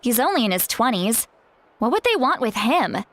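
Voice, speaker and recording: An actress playing an earnest, caring woman guide in a fantasy video game, speaking in a measured, explanatory way. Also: fairly high pitch, sing-song, faint music behind. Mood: concerned, thoughtful. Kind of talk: scripted video game dialogue.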